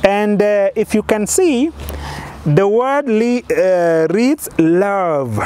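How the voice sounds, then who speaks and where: A man's voice: sits high, animated, very slow, darkish tone. A man in his thirties presenting an outdoor lesson as a kids show host, asking guessing questions and counting aloud step by step. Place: outdoors on a lawn in a yard. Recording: faint outdoor background noise.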